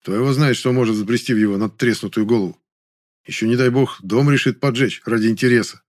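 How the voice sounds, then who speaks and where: A man narrates a first-person story at a steady, middle pitch. His reading is dry and quietly ironic, moving evenly through the scene. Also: fast talker.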